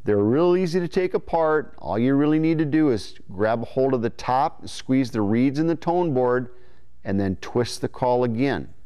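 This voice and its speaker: Clear-voiced man giving folksy instruction. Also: mid-range voice, animated, moderate pace, mellow. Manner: folksy, informal, imitating call syllables as he explains. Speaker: duck calling instructor. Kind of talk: instructional video demonstration, explaining step by step. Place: indoor studio in front of a green-screen backdrop. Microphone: lapel mic.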